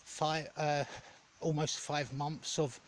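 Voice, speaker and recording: A man giving a casual, rambling vlog update in a hesitant, halting way, often correcting himself. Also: on the high side, level tone, slight background noise. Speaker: gaming content creator.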